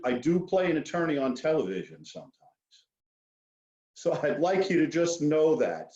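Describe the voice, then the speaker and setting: With a slightly mellow, mid-range voice, a New York-accented man from Queens speaks as a guest wealth management expert at a casual financial seminar, sprinkling in folksy humor. The recording sounds dull, lo-fi and roomy with echo.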